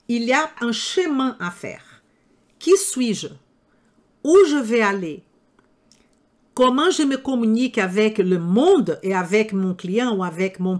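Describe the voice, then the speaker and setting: An older woman whose first language is not French, lecturing health professionals in an emphatic way, full of rhetorical questions. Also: fairly high pitch. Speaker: nutrition trainer. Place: room with live audience.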